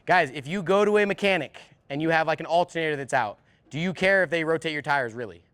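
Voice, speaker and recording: A man with a slightly high voice rattles through a sales training at a rapid clip. He hammers points home by repeating them and acts out quick dialogues with customers. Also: a bit bright, clear, resonant tone. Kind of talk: energetic training talk.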